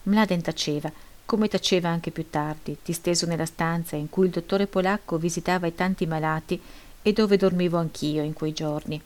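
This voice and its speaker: Woman narrator, audiobook reading, lowish pitch, steady measured pace. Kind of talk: literary reading of first-person prose.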